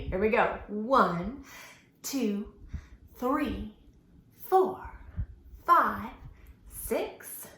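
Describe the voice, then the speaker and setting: A woman with a medium-pitched voice hosts a children's storytime at the library. She speaks in an animated, sing-song, instructional way, enunciating carefully for young listeners. The recording has a roomy echo and faint background noise.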